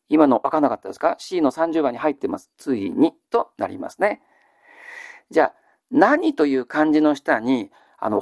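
A man teaching a classical Chinese reading lesson, patiently drilling listeners with questions and repeating the answers in a polite, measured way. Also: fairly high pitch, a little mellow, dry recording, clean studio sound. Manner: polite, measured lecturing with frequent fillers.

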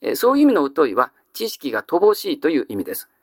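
A man teaching vocabulary in an exam-prep lecture, with a lively, animated pitch. His delivery is patient and explanatory, with frequent drawn-out fillers. The recording is dry and close. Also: dry recording. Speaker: classical Japanese teacher.

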